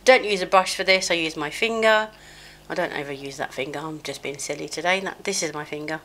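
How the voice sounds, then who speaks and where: A middle-aged beauty vlogger does her makeup at home in a rambling get-ready-with-me chat, scattered, self-mocking and full of fillers, and she's slightly chesty with a cold. Her deep, fairly bright voice moves fairly quickly. A small mic clipped near her is sometimes covered, and there's a little hiss or hum.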